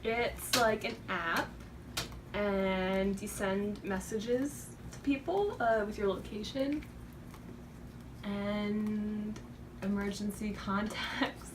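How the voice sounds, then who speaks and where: A nineteen-year-old woman speaks slowly and plainly. She is far from the mic. Background noise is clear behind her. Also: medium pitch. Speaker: student.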